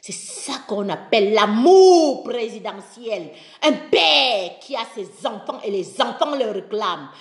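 A woman's voice: on the high side, animated, a little slow, echoey room. A woman from Cameroon ranting live about politics, breaking into sung refrains between her tirades. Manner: passionate, sings chant-like refrains between spoken tirades. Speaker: political video commentator. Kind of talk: live video rant with singing.

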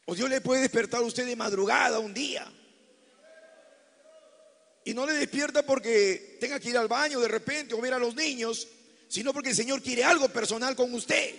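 A male pastor preaching in a large church, his high voice rough and gravelly. He swings between hushed storytelling and fervent, loud outbursts, and a long reverb trails behind each phrase. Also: moderate pace. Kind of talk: sermon.

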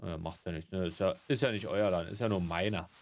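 A male let's player gives casual gameplay commentary in a low, brisk voice, grumbling and swearing while offering mock-polite greetings to customers.

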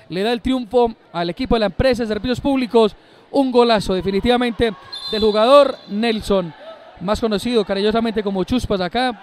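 A man's voice: extremely high pitch, clean tone. A man giving live match analysis as a co-commentator, emphatic and repeating his phrases.

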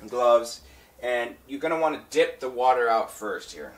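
A musician hosting a talk box tutorial explains a hands-on process, talking casually to viewers and calling them guys and folks. His voice is medium-pitched and expressive, at a moderate pace.

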